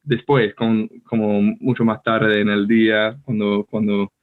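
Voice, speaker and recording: Casting: young American man, native English, speaking Argentine-accented Spanish, slow and halting, tinny phone-line sound. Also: lowish voice, level tone, clear, resonant tone. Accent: Argentine Spanish, learned as an American. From United States. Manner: hesitant, searching for words with many pauses. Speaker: podcast co-host. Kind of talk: casual bilingual chat. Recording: tinny phone-like call audio.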